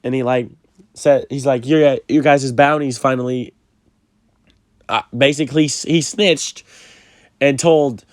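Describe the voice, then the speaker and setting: A man's voice: mid-range voice, steady tone, unhurried, long pauses, no echo, studio quality. A man casually recapping a manga chapter in a loose, slangy way, swearing and saying "like" and "bro" a lot. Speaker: manga reviewer.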